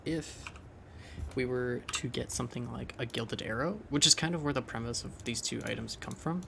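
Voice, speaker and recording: A young game commentator with a gravelly, medium-pitched voice casually thinks aloud at a moderate pace while explaining a game build over gameplay. His talk is loose and rambling, full of restarts, with background noise behind him.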